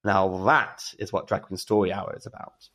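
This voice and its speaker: A British man, a drag storyteller, telling a story as a podcast guest, acting out the quotes with big leaps in pitch and gasps. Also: fairly even intonation, normal speed, fairly bright tone. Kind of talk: animated storytelling.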